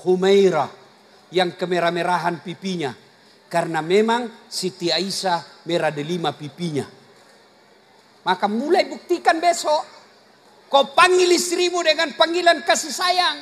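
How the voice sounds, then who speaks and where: A man's voice: sits high, measured pace. A man preacher, giving a jokey, teasing sermon to a live congregation. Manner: jokey, teasing, switches between quiet asides and shouted punchlines. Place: large hall or mosque, live audience. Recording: live hall with long reverb, faint crowd ambience.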